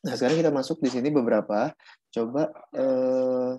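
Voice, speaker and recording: A man's voice: mid-range voice, normal speed, dark tone, a little hiss or hum. A man teaching Korean pronunciation in a casual online class, repeating himself and restarting while he explains. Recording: dull muffled audio.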